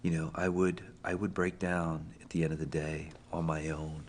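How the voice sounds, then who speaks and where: A man's voice: extremely low pitch, level tone, normal speed, a little hiss or hum. A bereaved father telling his story candidly in a documentary interview. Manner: candid, reflective.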